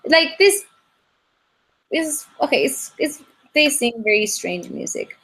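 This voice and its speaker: Guest: young woman, English, halting and restarting, over a video call. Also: high-pitched, lively intonation, fairly bright tone. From Ecuador. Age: young adult. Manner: halting, many restarts and fillers. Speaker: guest singer.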